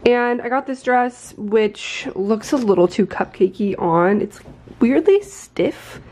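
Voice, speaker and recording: Fairly high-pitched and expressive, this woman speaks slowly with a slightly mellow tone against a bit of background noise. She's a vlogger in her twenties talking casually into her phone camera in her bedroom, drifting off on tangents and laughing now and then.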